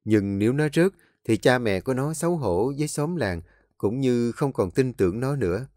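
A man's voice: mid-range voice, normal speed, no room sound. Man narrating a story, dry sound. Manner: steady storytelling. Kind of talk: audiobook narration.

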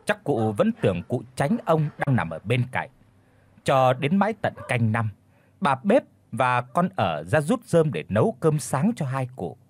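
A man's voice: medium pitch, breathy edge, dry recording. A man narrating a ghost story with dramatic expression. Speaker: audiobook narrator.

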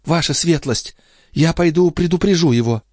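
A man's voice: on the high side, normal speed, a little mellow, no room sound, clean studio sound, pitched above the performer's own voice, close to an everyday voice. A man voicing a sly young maid who pleads and coaxes, in an audiobook reading. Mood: pleading. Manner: pleading, coaxing. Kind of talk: audiobook character voice.

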